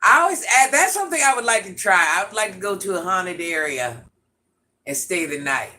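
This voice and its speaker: A man playing a grandmother character on a livestream answers viewer comments in a loose, chatty way, with quick laughs and side remarks. His scratchy, itchy-throated voice sits high, sounding expressive, pushed, and bright.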